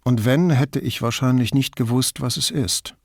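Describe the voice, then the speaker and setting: A man's voice: mid-range voice, moderate pace, a little mellow, no echo, clean studio sound, lightly acted. A man reading an audiobook, voicing a curious, city-bred police inspector with a raised, eager, questioning tone. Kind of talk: audiobook character voice.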